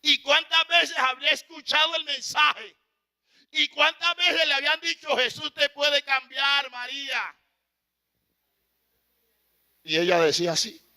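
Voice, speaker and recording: Male preacher, high bright voice, impassioned, loud-to-hushed sermon delivery. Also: moderate pace.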